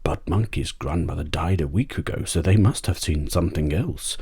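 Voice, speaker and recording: A man's voice: rumbling low, moderate pace, vocal fry, darkish tone, breathy edge, no room sound, studio quality, exaggerated voice. A man voicing a gossipy, indignant storybook wild boar in an earnest, grumbling manner. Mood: puzzled.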